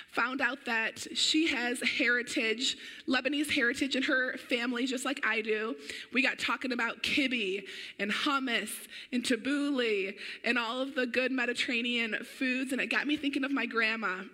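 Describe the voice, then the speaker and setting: A woman pastor with a voice that sits high preaches a sermon in an energetic, conversational way. Her voice is a little weak, and she often clears her throat.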